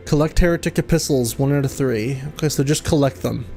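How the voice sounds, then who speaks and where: Streaming a game, a man reads its dialogue aloud, stumbling over fantasy names and laughing often. His medium-pitched voice is warm and a little fast, with faint music in the background.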